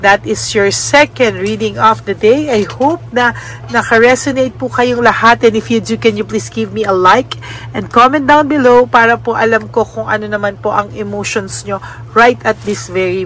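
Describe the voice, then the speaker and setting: A Filipino woman giving a casual spoken card reading to her viewers, gentle and often adding little tag questions. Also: mid-range voice, slight background noise. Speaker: tarot card reader.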